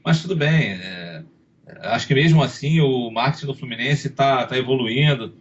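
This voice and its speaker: A man's voice: medium pitch, normal speed. A hesitant man who restarts his sentences often, speaking as a panelist on a casual football chat show. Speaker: podcast panelist. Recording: dull lo-fi sound with faint hiss.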